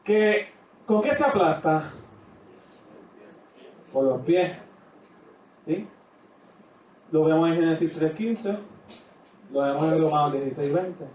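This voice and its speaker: A high-voiced man with a Puerto Rican accent delivers a sermon in a church. He moves between emphatic, drawn-out scripture reading and quieter asides. The recording is distant, roomy and dull. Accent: Puerto Rican Spanish. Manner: swings from loud preaching to quiet asides. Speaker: pastor. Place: church sanctuary.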